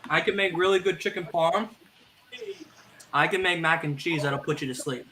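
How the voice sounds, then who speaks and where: Guy rambling on a podcast, bright kinda raised voice, lots of ums and restarts, bit of hiss behind. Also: a little high, normal speed. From Italian family background. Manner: rambling, self-deprecating, many fillers and restarts. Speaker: podcast co-host. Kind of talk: casual chat. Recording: streamed podcast with faint background noise.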